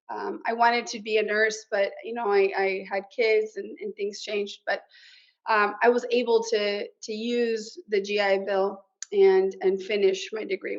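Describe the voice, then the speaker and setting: In a muffled recording, a middle-aged woman speaks in a creaky, mid-range voice. She's a business owner appearing as an interview guest, originally from Mexico and raised in Nebraska, sharing her life story earnestly and emotionally while mixing in Spanish words.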